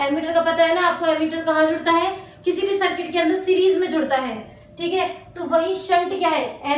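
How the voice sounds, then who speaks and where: A woman with an Indian accent teaching physics to a class, dictating notes slowly in English and repeating each phrase before explaining it. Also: very high voice, a little hiss or hum. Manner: addresses students as "beta". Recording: echoey room from far off.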